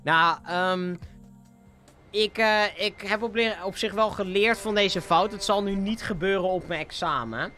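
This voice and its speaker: An excitable streamer, giving live gameplay commentary, laughing often and dropping English slang. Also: medium pitch, measured pace, soft background music.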